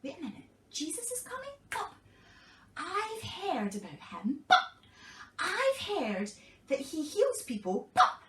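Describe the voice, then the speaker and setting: A woman voicing an excited blind beggar man who shouts loudly for help. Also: high-pitched, takes it slowly, long pauses, reverberant, distant mic, a little hiss or hum, heavily acted. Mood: wondering, excited. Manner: loud shouting, bursting with excitement.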